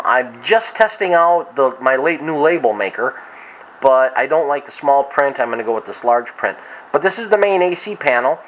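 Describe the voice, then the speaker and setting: A man's voice: medium pitch, a bit bright. A hungover man giving a casual, unscripted show-and-tell as a vlogger, rambling and trailing off mid-thought. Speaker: hobbyist vlogger. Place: inside a wooden boat. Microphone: camera glasses worn on the head. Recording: dull lo-fi sound with faint noise.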